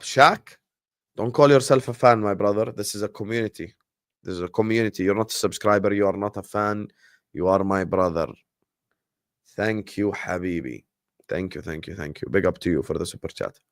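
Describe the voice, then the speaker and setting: A Jordanian man, native Arabic speaker with an Arabic accent, hosts a livestream watchalong, chatting casually and animatedly and shouting out his viewers. His voice is on the low side.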